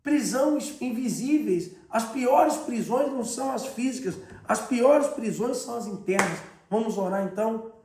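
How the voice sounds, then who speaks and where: High-voiced Brazilian preacher man, echoey. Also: unhurried, a little mellow. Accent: Brazilian Portuguese. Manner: emphatic, repetitive preaching with rhetorical questions. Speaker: bishop and preacher. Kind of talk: sermon.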